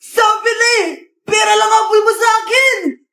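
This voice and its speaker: A woman voicing a touchy 75-year-old male boyfriend who bursts out loudly. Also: extremely high pitch, steady tone, normal speed, gravelly, echoey room, full character voice. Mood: outraged. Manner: loud, indignant outbursts.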